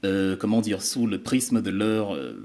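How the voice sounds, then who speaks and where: A man arguing his position as a guest on a televised panel debate, pausing now and then to search for words. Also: lowish voice, steady tone, darkish tone. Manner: argumentative, pauses to search for words.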